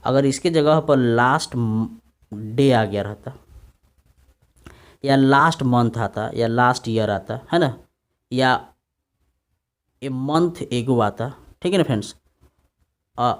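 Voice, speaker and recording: A man gives an English grammar lesson in Hindi for exam students. He dictates English sentences slowly and often checks in with his students. His voice sits at an ordinary mid pitch. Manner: repeats tag questions to students. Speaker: English teacher.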